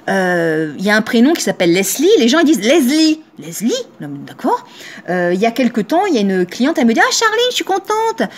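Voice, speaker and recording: Woman, thirties, shop owner vlogging to camera; slightly high, chatty, teasing, mimics quoted voices. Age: 30s. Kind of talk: casual monologue to camera.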